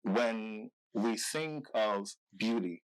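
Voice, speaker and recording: A man from Guyana hosting an interview, asking questions slowly and haltingly, with many ums and repeated words. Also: lowish voice, poor audio. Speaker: interview host.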